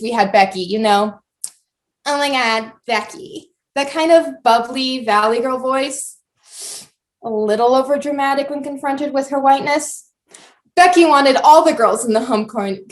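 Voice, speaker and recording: A woman's voice: on the high side, natural voice. A woman voicing a chatty young woman video blogger ranting breezily and sarcastically to her viewers. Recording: roomy, distant mic.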